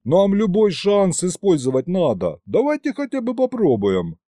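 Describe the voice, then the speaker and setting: A man voicing an eager, excitable young man who speaks in a raised, lively voice. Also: high voice, moderate pace, no echo, clean studio sound, voice pushed up. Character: eager young man, tsar's adopted son and clerk.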